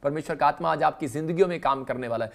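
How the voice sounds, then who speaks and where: A male pastor preaches a live morning prayer sermon at a very fast pace, his voice creaky. He repeats his refrains and swings between loud calls and low murmurs.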